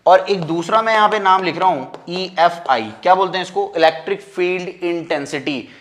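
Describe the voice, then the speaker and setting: A man teaching a physics lecture, talking informally and keeping on asking whether the students understand, then slowing down to dictate definitions word by word. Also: high-pitched, fairly bright tone, slight background noise. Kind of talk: classroom lecture, mixing Hindi and English.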